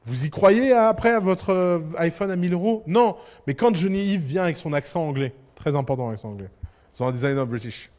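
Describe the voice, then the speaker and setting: A man giving a lively talk to an audience as an entrepreneur, emphatic and full of rhetorical questions. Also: on the high side, a little fast, long reverb tail. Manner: emphatic, rhetorical questions, acts out little dialogues.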